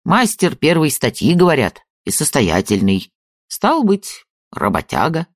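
A man doing a gruff old country father with a folksy, lecturing way of talking, voice leaping between a low grumble and a raised, lively tone. Dry, close sound, as in a spoken storybook. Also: unhurried, dry recording, exaggerated voice. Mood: probing. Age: older. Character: gruff old rural father, blunt, preachy. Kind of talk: audiobook character reading.

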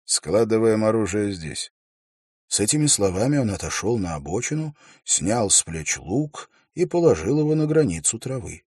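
Low, husky male audiobook narrator. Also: very animated, normal speed, few pauses, darkish tone, no room sound, clean studio sound.

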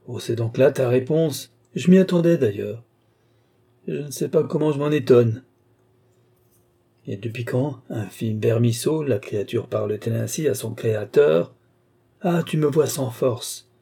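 A frail yet tyrannical old alchemist, voiced by a male audiobook reader speaks in a dark, husky tone. He is scornful and imperious, and his words keep rising into fierce outbursts. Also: medium pitch, normal speed. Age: older. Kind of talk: audiobook character reading.

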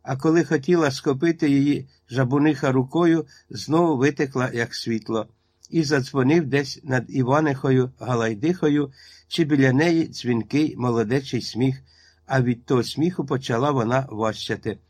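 A man reading a literary story aloud as audiobook narration, with a measured, even delivery. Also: medium pitch, no echo. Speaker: reader.

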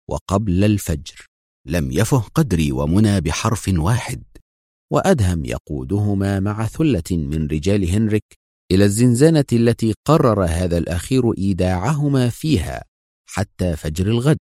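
A man narrating an adventure novel in a measured, storytelling manner. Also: fairly low pitch, mellow, dry recording, studio quality. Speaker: audiobook narrator.

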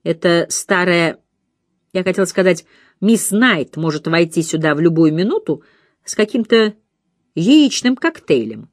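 A shrewd elderly lady sleuth, calm and measured, with a dry, thoughtful delivery, as a woman reader plays her. The voice sits fairly low and close, with no room around it. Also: no echo, exaggerated voice. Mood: firm. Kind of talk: audiobook reading.

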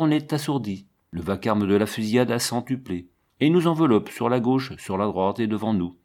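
Grave, measured male audiobook narrator. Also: on the low side, a little mellow. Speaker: audiobook reader. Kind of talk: scripted narration.

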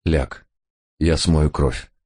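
A man's voice: very deep voice, fairly even intonation, drawn-out words, darkish tone, heavily acted. A man voicing a cool-headed man who speaks curtly, coldly and impatiently. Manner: curt, cold, impatient. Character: cool-headed man tending his brother, curt.

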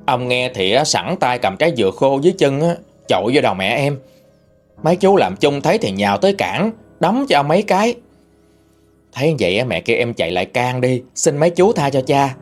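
A man's voice: mid-range voice, very animated, moderate pace, soft background music. Man narrating. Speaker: storyteller. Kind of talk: first-person story narration.

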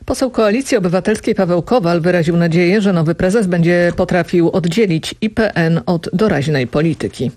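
A woman reading a scripted radio news bulletin in a steady, formal manner. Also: fairly low pitch, a little fast, few pauses, no echo. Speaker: radio newsreader. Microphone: studio mic.

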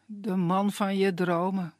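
A storyteller voicing a calm, fatherly older wood gatherer who gives directions in a puppet tale. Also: high voice, slow, no echo, clean studio sound, voice pushed up.

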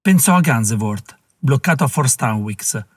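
A man narrating a historical novel in a steady, dramatic reading. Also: medium pitch, normal speed, husky, no echo. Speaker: audiobook narrator. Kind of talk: scripted narration.

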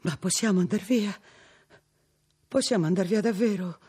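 A man's voice: high-pitched, normal speed, dark tone, slightly rough, voice pushed up. A man voicing a frightened young woman. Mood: bewildered. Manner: pleading, trembling, anxious. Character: frightened young peasant woman held captive. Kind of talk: audiobook reading.

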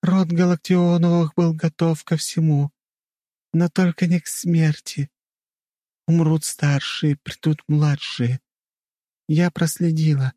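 A man voicing the ghost of an old clan matriarch, speaking slowly and without emotion, in lofty measured phrases. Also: on the high side, dry recording, studio quality, voice pushed up. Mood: emotionless. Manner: flat, emotionless, like a recording; slow, measured, lofty pronouncements. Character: ancient female ghost, solemn clan matriarch. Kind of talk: audiobook character voice.

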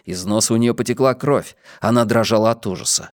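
Guy reading a dark novel, tense and dramatic, very dry sound. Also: on the low side, brisk, dry recording. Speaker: audiobook reader. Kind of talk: scripted narration.

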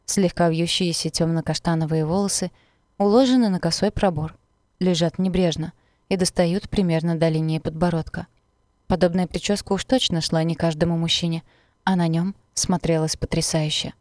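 A woman narrating a first-person novel for an audiobook, expressive and steady in her reading. Her voice sits on the low side, recorded dry and close with no room sound. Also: moderate pace, no echo.

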